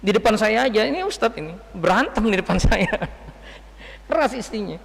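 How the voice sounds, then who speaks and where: A man delivers a religious lecture to a crowd of women in a loose, conversational way. He jokes and keeps asking his listeners questions. His voice sits high, and a long reverb trails behind it in the hall. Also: sing-song, moderate pace, creaky, fairly bright tone. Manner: chatty, joking, quizzing the audience. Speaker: Islamic preacher.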